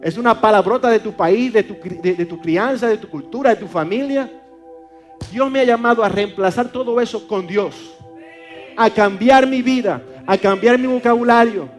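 A man's voice: sits high, moderate pace, soft background music. A man from Maracaibo with a Venezuelan accent, preaching a sermon, often repeating words and stumbling on fillers as he calls listeners brother.

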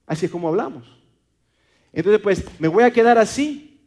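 Preaching with a lively, rising and falling delivery at a moderate pace, this Maracaibo man has a high-sitting voice with a darkish tone. He speaks with a Venezuelan accent, frequently repeats himself, stumbles on fillers, and calls the audience brother.

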